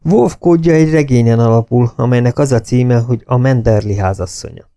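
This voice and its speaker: A man's voice: medium pitch, warm tone, no room sound, clean studio sound, close to an everyday voice. A man doing a tense intelligence officer. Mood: determined.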